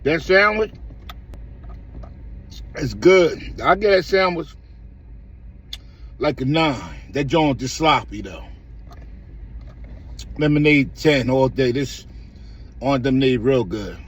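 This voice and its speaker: A man's voice: mid-range voice, expressive, slow pace, long pauses, husky, dull audio. A man giving a casual food review while eating, with slangy, laid-back, clipped remarks. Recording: off-mic, faint car background noise.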